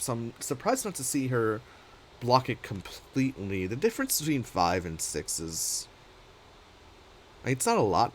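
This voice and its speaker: A man hosting casual commentary on a card game match, chatty and relaxed. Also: lowish voice, slight background noise. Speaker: caster, host.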